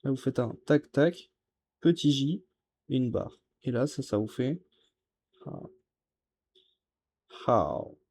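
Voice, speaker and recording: Guy filming himself writing characters, hesitant, fixes his mistakes, repeats words really slowly. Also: medium pitch, mellow, slightly rough. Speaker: beginner showing Chinese characters. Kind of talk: casual tutorial while writing. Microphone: camera filming his writing.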